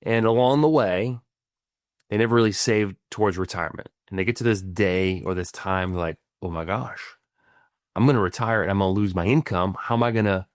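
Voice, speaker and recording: Speaking a little fast in a lowish voice, a middle-aged man co-hosts a podcast as a financial planner. His casual explanations keep restarting and are dotted with "right?" tags, and the recording is dry and studio quality.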